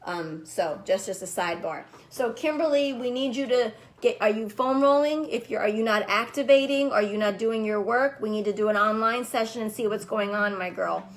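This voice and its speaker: A woman's voice: a little high, moderate pace, few pauses. A woman running coach talking casually on a live stream, answering viewers by name and explaining her program with many restarts. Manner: chatty, restarts often, warm to named viewers.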